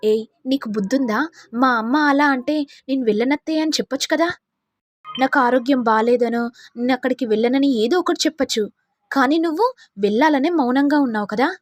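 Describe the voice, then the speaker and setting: A woman's voice: fairly high pitch, fairly quick, no room sound, close to an everyday voice. A woman voicing an angry young husband who scolds sarcastically.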